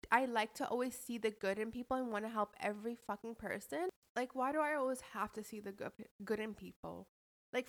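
A woman's voice: mid-range voice, fairly bright tone. A woman hosting a podcast, telling her own friendship stories in a casual monologue, blunt and profane, with lots of restarts and "like". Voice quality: blunt, heavily profane, emphatic. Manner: frequent restarts and filler "like". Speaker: podcast host.

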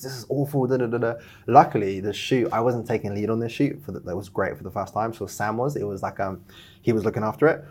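Young man, low voice, chatty storyteller, lots of fillers. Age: young adult. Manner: animated storyteller, many fillers, laughs while telling. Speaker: guest, video production founder. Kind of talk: casual storytelling interview.

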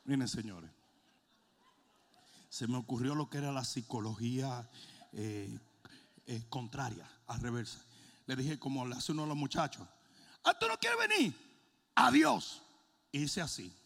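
A middle-aged man, a pastor, preaching a sermon with a comic story, animated, swinging from low asides to shouting and mixing in English words. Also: normal speed, long pauses, big-room sound.

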